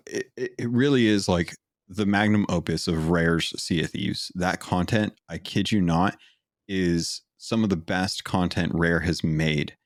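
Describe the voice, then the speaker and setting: On a gaming podcast, a male co-host chats eagerly and recommends games, using plenty of filler words. His voice is low, and the clean studio recording has no echo. It's a casual podcast conversation.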